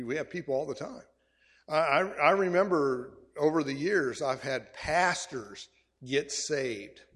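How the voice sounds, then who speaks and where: Middle-aged male pastor, husky tone, animated sermon delivery, reverberant sanctuary. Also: fairly high pitch. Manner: animated storytelling, repeats words when excited. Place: church sanctuary. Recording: long reverb of a church hall.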